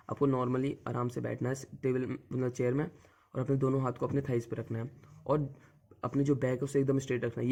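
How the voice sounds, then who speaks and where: A man's voice: medium pitch, a little mellow. A young man coaching viewers on group discussions in a casual, direct way, often repeating the same filler word. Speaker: exam coach giving tips. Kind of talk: casual spoken lesson.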